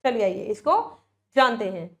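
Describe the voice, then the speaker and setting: A woman's voice: medium pitch, animated, creaky, fairly bright tone. A woman teaching a Hindi lesson to young children, patiently checking in with questions and stretching out words to model how they sound. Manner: draws out words slowly to model pronunciation.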